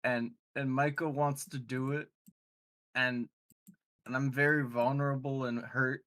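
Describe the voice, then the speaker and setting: A man's voice: mid-range voice, level tone, a little slow, a bit bright. A man playing a tabletop game, speaking hesitantly and repeating himself as he talks. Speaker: player. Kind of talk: casual game chat.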